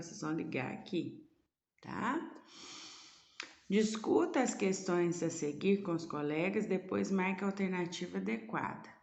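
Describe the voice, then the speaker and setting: A woman's voice: on the low side, vocal fry, reverberant, dull audio. A woman teacher explaining a lesson remotely, asking her students rhetorical questions as she goes.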